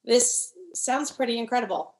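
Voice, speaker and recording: A woman's voice: a little high, normal speed, a little mellow. A woman co-hosting a casual podcast chat, reacting and recapping in short phrases. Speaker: podcast co-host.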